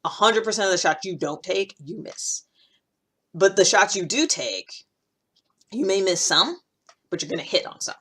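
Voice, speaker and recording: An American woman in her thirties, a podcast host, gives casual, unscripted self-improvement advice to the camera. Her voice is medium-pitched, a bit bright and slightly rough, with lively intonation, normal speed and long pauses. She repeats key points emphatically for stress.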